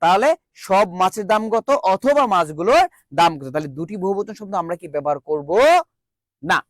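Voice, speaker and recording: A man with a high, quick voice leads an online grammar class. He drills his students call-and-response style, repeating each question before answering it himself. The sound is dry and close, with no room echo. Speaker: teacher. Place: virtual classroom.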